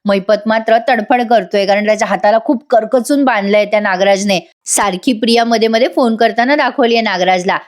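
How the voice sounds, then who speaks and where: A woman's voice: mid-range voice, fairly quick, hardly any pauses. A young woman narrating a voice-over episode review in a chatty way, speaking straight to viewers. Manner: chatty, addresses viewers directly. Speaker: TV serial reviewer.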